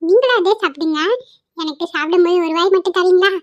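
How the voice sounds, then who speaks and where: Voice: extremely high pitch, fast talker, no room sound, dull audio. A voice actor playing a sweet, clever little boy in a cartoon, chirpy, cheeky and polite. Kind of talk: amateur cartoon voice acting.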